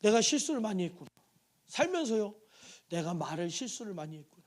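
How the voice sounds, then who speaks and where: A male pastor preaching in a church with a strikingly high voice. His pitch swings widely as he tells stories, acts out quoted voices and puts questions to his listeners. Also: brisk. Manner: animated preaching, acts out voices, calls to congregation. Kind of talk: sermon. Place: church sanctuary.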